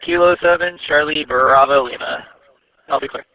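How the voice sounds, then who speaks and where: A man's voice: medium pitch, expressive, moderate pace, no echo. A young man checking in to a radio net, chatting casually and teasing, heard over a radio transmission. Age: young adult. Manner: easygoing, teasing. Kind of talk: casual ham radio chat. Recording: tinny narrow-band radio audio.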